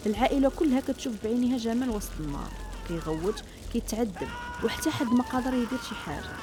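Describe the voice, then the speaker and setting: A woman's voice: mid-range voice, background noise. A woman with a Moroccan accent narrating a scripted horror story in a dramatic, suspenseful way. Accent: Moroccan Arabic.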